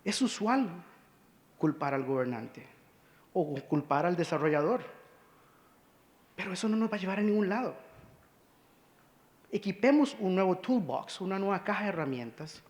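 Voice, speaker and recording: This Costa Rican conference speaker has a high-sitting voice with lively intonation, a moderate pace and frequent pauses. Earnest and urging, he cues his slides as he presents, and his voice rings with long reverb in the conference hall.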